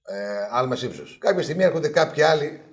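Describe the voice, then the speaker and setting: Man telling lively sports stories. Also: a little high. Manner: animated anecdotes, acts out quotes. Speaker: sports journalist guest. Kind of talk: casual storytelling interview.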